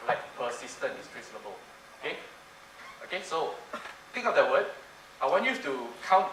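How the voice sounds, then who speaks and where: Speaking at normal speed in a mid-range, sing-song and slightly bright voice, this conference speaker performs a mind-reading trick, drawing the crowd in and repeating himself playfully. A distant mic captures the roomy hall, its background noise, laughter from the audience and ambient sound.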